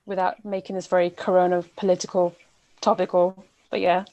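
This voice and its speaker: A woman talks in a measured way during a casual group chat, pausing on "um" and repeating words. Her voice is dry and close to the mic, with no room echo. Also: fairly low pitch, level tone, dark tone, highs cut off.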